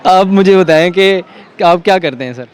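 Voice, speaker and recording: A man with a fairly high voice from Pakistan, hosting a street interview outdoors. He fires off quick follow-up questions and jokes with the people he stops.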